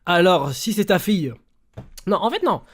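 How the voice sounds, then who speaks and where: Young guy streamer, animated storyteller, slangy chat. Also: sits high, normal speed. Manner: animated storyteller, slangy, swings between loud bursts and quiet mumbling. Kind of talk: casual livestream chat.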